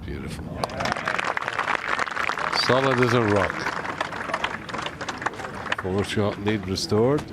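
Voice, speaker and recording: A man's voice: on the low side, animated, takes it slowly, long pauses. A man giving live golf commentary in short phrases. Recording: loud outdoor background noise.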